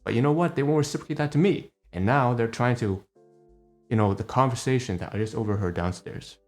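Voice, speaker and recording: Speaking fairly quickly at medium pitch, a late-twenties Cantonese-native vlogger launches a heated, profane rant at home for his personal vlog. Faint music plays behind him as he keeps ending lines with rhetorical tags like "okay?" and "all right?".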